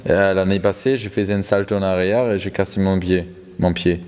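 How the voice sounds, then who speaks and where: Speaking fairly quickly in a deep, smooth, darkish voice with little pitch variation, this man renders a testimony as a live interpreter. His delivery is hesitant, with words repeated and reformulated along the way, and a long hall reverb surrounds it.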